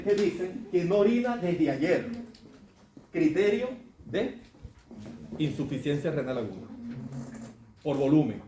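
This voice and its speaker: In an echoey lecture hall with faint background room noise, a man with a fairly high, mellow voice teaches medical students clinical cases. He talks conversationally and keeps asking the class questions.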